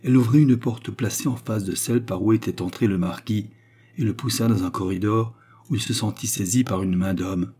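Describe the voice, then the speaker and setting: A man reading a novel aloud as narrator, in a measured, dramatic way. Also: lowish voice, mellow, breathy edge. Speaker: audiobook narrator. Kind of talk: scripted narration.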